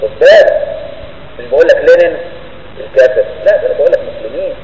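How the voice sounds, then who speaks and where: A man's voice: a little high, lively intonation, rapid-fire, a little mellow, reverberant, in a large hall, muffled recording, a little hiss or hum. A man with an Egyptian Arabic accent giving a colloquial religious lesson. He keeps asking his listeners whether they understood. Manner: conversational, keeps checking understanding. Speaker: religious teacher.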